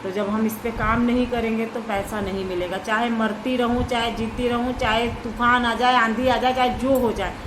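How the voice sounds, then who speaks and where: A woman's voice: on the high side, steady tone, moderate pace, hardly any pauses, background noise. Chatty woman vlogging, unwell and dizzy. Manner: chatty, repetitive, down-to-earth. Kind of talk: casual vlog chat. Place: indoor room at home.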